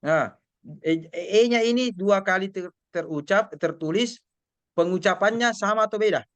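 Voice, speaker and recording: A man giving an informal class lecture, animated and teasing, questioning his students. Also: high-pitched, moderate pace, no echo.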